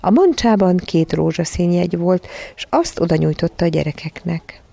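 Low, gravelly woman reading a storybook. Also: lively intonation, warm tone, no room sound. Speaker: audiobook narrator.

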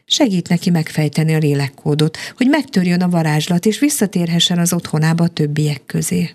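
A woman reading a children's fairy tale aloud in a calm, expressive storytelling manner. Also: on the low side.

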